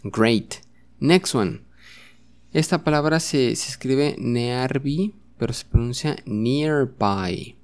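Patient, slow-talking man teaching. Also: medium pitch. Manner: patient, repeats words for the listener to echo. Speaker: English teacher. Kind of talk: slow bilingual vocabulary lesson.

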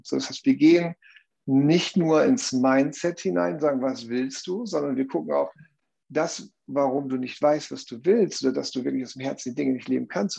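A man's voice: mid-range voice, creaky, a little mellow, breathy edge. A man explaining a view earnestly in conversation, often checking in with tag questions.

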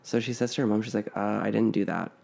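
Man, gravelly voice, podcast co-host, casual rambling storytelling, lots of fillers. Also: fairly low pitch, fairly even intonation, fast, darkish tone. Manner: rambling, with many fillers and restarts.

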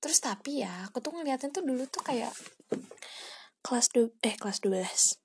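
A seventeen-year-old girl hosting a casual solo podcast from home, rambling softly in a half-whisper with lots of fillers. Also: fairly high pitch, animated, moderate pace, background noise. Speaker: podcast host.

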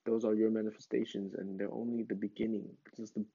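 A man's voice: fairly low pitch, little pitch movement, quick pace, creaky, warm tone, breathy edge, no echo. A man giving a casual, encouraging spiritual pep talk in an informal, rambling way, as a self-help vlog host. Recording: dull lo-fi sound.

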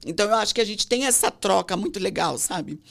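A Brazilian woman tells a personal story on an interview podcast. Her voice has a gravelly, fried texture. She slips into acted voices when she quotes other people. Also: mid-range voice, animated, fast, a bit bright. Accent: Brazilian Portuguese. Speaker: guest.

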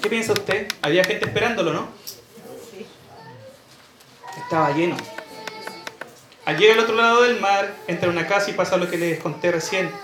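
A pastor preaching a sermon, telling a story and asking the congregation rhetorical questions. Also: male voice, high voice, moderate pace, long pauses, roomy sound, over music.

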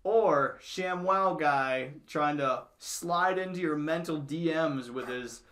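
A man hosts casual comedy banter in a fairly high, bright, forward voice. His manner is crude and joking. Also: takes it slowly. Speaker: comedy podcast host.

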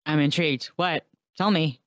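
A woman's voice: deep voice, normal speed, no echo, studio quality. A woman chatting casually as a player in a tabletop game, informal and wry.

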